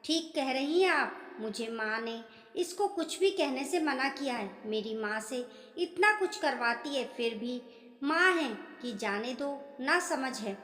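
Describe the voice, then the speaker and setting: A woman's voice: high-pitched, lively intonation, measured pace, fairly bright tone. A woman voicing a frustrated young husband who complains earnestly about his wife. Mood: complaining. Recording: echoey room with long reverb.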